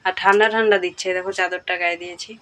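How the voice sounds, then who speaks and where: A young woman vlogger chatting casually through a home voice-over, speaking softly and often checking in with her viewers. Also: on the low side, steady tone, racing. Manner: speaks softly late at night. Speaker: daily-life vlogger.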